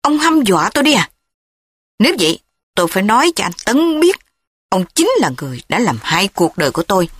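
Brief: a woman doing a young wife in a storybook reading, high, shrill, upset, dry close sound. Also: expressive, normal speed, long pauses, fairly bright tone, dry recording. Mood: angry. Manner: raised, shrill pleading. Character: young wife, angry and distraught.

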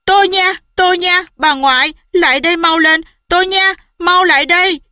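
A woman voicing a frantic, loving mother in an audiobook, with high, alarmed cries. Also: normal speed, pushed and bright, dry recording, clean studio sound. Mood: panicked. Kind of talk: audiobook character voice.

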